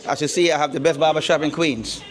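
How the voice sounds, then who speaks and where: A middle-aged barbershop owner from Guyana, with a Guyanese accent, chats easily about his shop in a casual interview indoors at the barbershop. He talks fast in a slightly high voice with fairly even intonation, repeating words and leaning on fillers like "you know".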